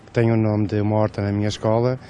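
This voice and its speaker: A man, a company representative explaining a project in an interview, deliberate with fillers. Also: fairly low pitch, level tone, warm tone, a little hiss or hum. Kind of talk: interview soundbite.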